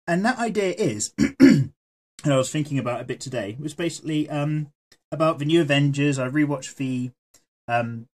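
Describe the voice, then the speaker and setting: A man chatting casually while he draws, rambling and swearing freely as he goes, with a voice that is going hoarse. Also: fairly high pitch, animated, moderate pace. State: losing his voice. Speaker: art vlogger. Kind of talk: casual chat while drawing.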